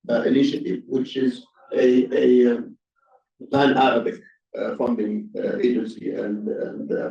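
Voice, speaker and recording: Male panelist, gravelly dark voice, stop-start, echoey hall. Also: medium pitch. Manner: halting, repeats words. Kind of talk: panel discussion. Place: conference room. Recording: dull, roomy distant hall audio.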